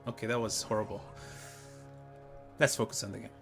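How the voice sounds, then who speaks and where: A man's voice: fairly low pitch, steady tone, a little fast, soft background music. Chatty male esports caster. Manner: chatty, self-correcting, talks straight to viewers. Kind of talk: live game commentary.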